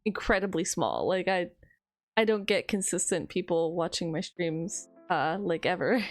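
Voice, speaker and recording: A woman's voice: fairly low pitch, unhurried, soft background music. A woman streamer chatting casually to her viewers, rambling with frequent laughs and a tired edge.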